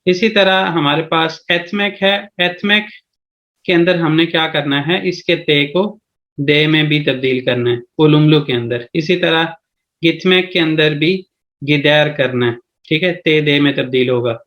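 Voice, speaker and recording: A man's voice: on the high side, unhurried, fairly bright tone. A man with a Pakistani Urdu accent teaching a language lesson over a video call, explaining step by step and often checking in with his listeners. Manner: explains step by step, repeats "theek hai ji".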